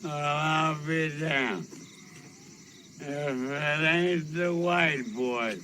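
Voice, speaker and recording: An actor playing a drunk, bitter army sergeant who slurs and taunts, then breaks into anguish. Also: male voice, on the high side, very slow, background noise. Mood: taunting. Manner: slurred, taunting, swinging into anguish. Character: drunk, bitter, self-loathing army sergeant, adult man.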